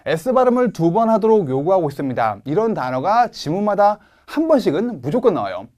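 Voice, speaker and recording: Lively Korean man teaching English pronunciation. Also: high voice, brisk. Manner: coaching, models English words for the viewer to repeat. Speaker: TOEIC Speaking instructor. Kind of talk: online video lecture.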